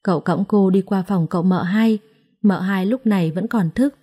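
Mellow-voiced woman reading a story. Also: medium pitch, moderate pace. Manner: expressive, dramatic reading. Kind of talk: scripted story narration.

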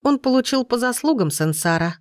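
A woman's voice: fairly high pitch, animated, brisk, dry recording, clean studio sound, voice pushed up, lightly acted. A woman voicing a cold, haughty young sorceress. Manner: cold and arrogant.

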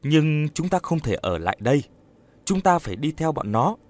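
A man's voice: fairly low pitch, lively intonation, moderate pace, a little mellow. A man voicing the determined ghost of a young husband in a storybook horror tale. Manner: urgent, determined.

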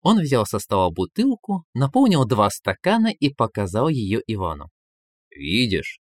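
A man narrating a humorous fairy tale as an audiobook, in animated storytelling. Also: mid-range voice, moderate pace, no room sound, clean studio sound. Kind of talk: audiobook reading.

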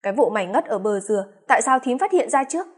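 A woman reading the part of an excitable middle-aged brother, exclaiming as he retells. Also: very high voice, fast, breathy edge, exaggerated voice. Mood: exasperated.

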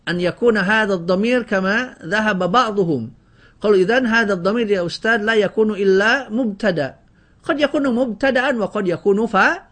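A man's voice: sits high, a bit bright. A man teaching a grammar lesson to a class, drilling word lists and quizzing students with questions. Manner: often breaks off and restarts words.

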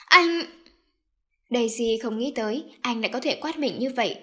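Woman narrator, steady storybook reading, slightly high voice. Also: brisk.

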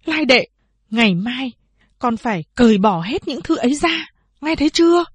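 A woman's voice: a little high, normal speed, dry recording, natural voice. A woman voicing a stern, anguished middle-aged mother who pleads and scolds. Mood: fierce. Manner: pleading, then fierce.

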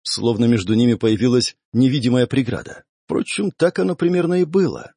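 A man narrating a first-person audiobook in an expressive storytelling manner. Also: mid-range voice, fairly quick, slightly rough, dry recording, clean studio sound.

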